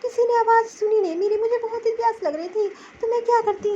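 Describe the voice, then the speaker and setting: A woman's voice: very high voice, quick pace, mellow, slight background noise. A woman voicing a weak young new mother in a cartoon story, complaining plaintively and sounding sore and tired. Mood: self-pitying. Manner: plaintive, self-pitying complaining. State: weak and sore after childbirth. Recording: slightly dull lo-fi recording.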